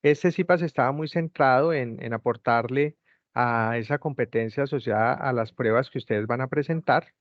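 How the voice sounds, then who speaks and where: A man's voice: mid-range voice, moderate pace, no room sound. A man tutoring an online class over a video call, patiently repeating step-by-step instructions. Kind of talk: guiding students through a video call. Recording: dull lo-fi call audio, dry.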